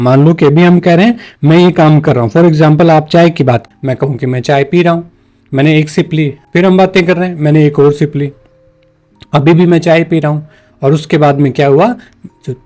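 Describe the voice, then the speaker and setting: A man leads an online English lesson with a slightly high voice. He works through examples patiently, often slowing down to repeat sentences. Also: warm tone. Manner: patient, repeats examples slowly, switches between two languages. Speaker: spoken English teacher. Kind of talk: explanatory online class.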